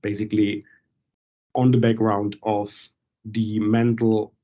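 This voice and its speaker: Man, low voice, measured and formal, muffled call audio; interview guest. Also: completely flat delivery, dark tone. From Czech Republic. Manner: measured, formal policy explanation. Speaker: guest, policy advocate. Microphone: video call.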